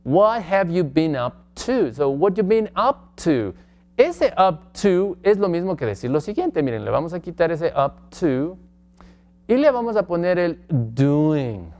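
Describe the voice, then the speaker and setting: A man teaching English grammar from slides, slowly stretching out example phrases and asking the class questions. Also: fairly high pitch, very animated, darkish tone. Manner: slow, drawn-out model phrases in English. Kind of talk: slide-based grammar lesson.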